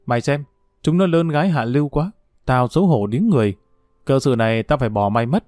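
Give me a man reading a boastful young male student who fancies himself a ladies' man, talking down to a younger friend in a mellow tone. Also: mid-range voice, lively intonation, brisk, no echo, clean studio sound, close to an everyday voice. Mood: fretful. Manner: smug, lecturing a younger friend.

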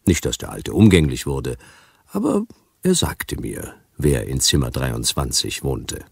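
An actor narrating as a world-weary detective in a wry, hardboiled first-person style for a radio drama. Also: male voice, rumbling low, wildly swooping pitch, unhurried, gravelly, husky, dry recording, full character voice.

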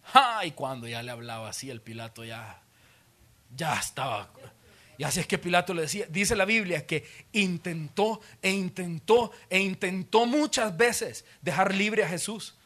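A Salvadoran man preaches in a church auditorium with a high, bright, forceful voice. He tells the story with drama and slips into the voices of its characters as he goes. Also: moderate pace. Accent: Salvadoran Spanish. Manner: dramatic storytelling, acting out scenes with many voices. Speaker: pastor. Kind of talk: sermon.

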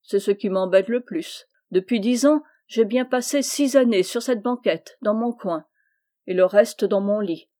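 A world-weary male drunkard, as a woman reader puts him on, speaking in a flat, placid way that never rises. His voice is dark and mellow, at a middling pitch, in a storybook reading. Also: a little slow, lightly acted. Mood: weary, resigned. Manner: calm, even, world-weary delivery.

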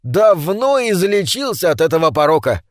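A man's voice: sits high, big pitch swings, normal speed, no room sound, studio quality, voice pushed up. A man voicing an eager middle-aged nephew who exclaims and frets.

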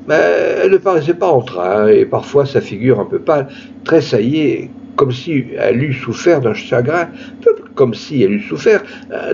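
A man reading a classic story aloud in an expressive literary style, with dramatic emphasis. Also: gravelly, highs cut off, slight background noise. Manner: dramatic, shifting pitch for emphasis.

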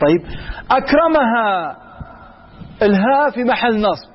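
Male teacher with a husky, animated voice quizzing a class; dull lo-fi sound. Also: high-pitched, a little fast. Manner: quizzes students with repeated examples. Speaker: grammar teacher. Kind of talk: classroom lesson.

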